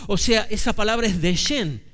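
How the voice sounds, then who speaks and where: Spanish-speaking pastor preaching in conversation. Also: male voice, high voice, lively intonation, fairly bright tone. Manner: conversational preaching, frequent rhetorical questions; slows and stresses scripture quotes. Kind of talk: sermon.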